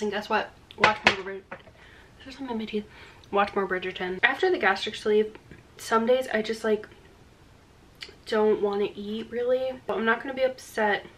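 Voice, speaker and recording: A medium-pitched, somewhat bright voice, picked up far from the mic amid slight background noise, belongs to a Long Island vlogger in her twenties. With a Long Island American accent, she chats casually to camera at home and rambles with lots of "like" fillers, moving from a small indoor room into her home kitchen.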